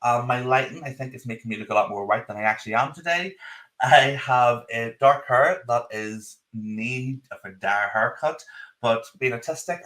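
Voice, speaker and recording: A podcast host with a strong Northern Irish accent chats casually on a live show, his medium-pitched voice bright and forceful. He's in an office, and the recording has a roomy echo.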